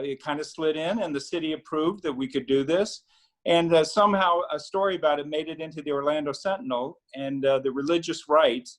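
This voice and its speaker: A middle-aged man, an attorney, telling a story on a video call panel in a relaxed way with many fillers and restarts. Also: on the high side, low-quality recording. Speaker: attorney and newspaper founder.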